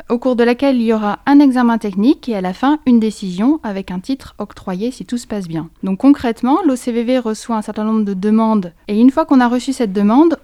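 A woman from France with a mellow, warm voice, answering interview questions in a composed, informative way. The sound is dry and close to the mic. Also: on the high side, dry recording. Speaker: guest, agronomist at agency.

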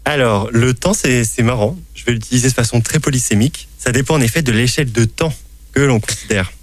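A man's voice: medium pitch, brisk, no echo. A man hosting a science talk show, explaining botany with a playful quizmaster manner. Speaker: science podcast host. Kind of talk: science chat with quiz.

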